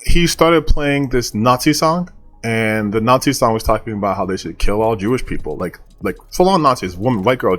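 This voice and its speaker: A male online commentator talking casually and bluntly, dismissive and opinionated, with some casual swearing. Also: medium pitch.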